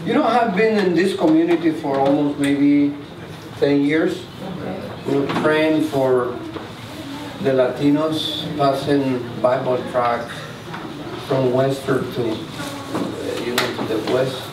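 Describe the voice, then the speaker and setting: A man speaks to a congregation as a guest minister, halting and unhurried with many fillers. His voice sits slightly high and is picked up from a distance. The church echoes, and there is steady noise behind him. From Honduras. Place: church sanctuary. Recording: echoey church room, distant mic, noisy.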